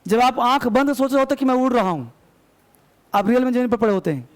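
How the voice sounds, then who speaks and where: A male English teacher, drilling example sentences slowly and quizzing his students in a live lesson. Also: very high voice, expressive.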